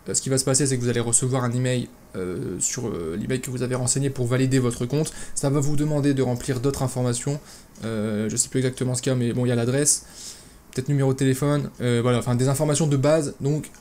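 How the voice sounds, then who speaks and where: A man explains a software setup step by step in a relaxed, chatty way, often restarting his sentences and filling pauses. His voice sits at an ordinary middle pitch. Faint background noise and keyboard typing can be heard behind him. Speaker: e-commerce tutorial host. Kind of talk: casual screen-recorded software tutorial.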